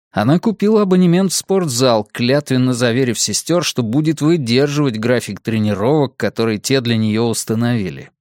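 In clean studio sound with no echo, a mid-range male voice reads scripted audiobook narration. His storytelling stays measured and even.

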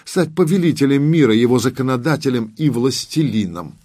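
A man's voice: medium pitch, lively intonation, brisk, darkish tone, no room sound, clean studio sound, close to an everyday voice. A man reading the part of a wry, smirking security officer in an audiobook, musing and lecturing.

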